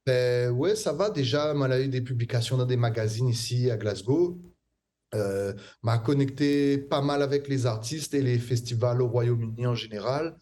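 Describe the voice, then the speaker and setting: Mellow-voiced man. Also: medium pitch, moderate pace. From Réunion. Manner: hesitant, many fillers and restarts. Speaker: guest artist. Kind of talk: casual interview answers.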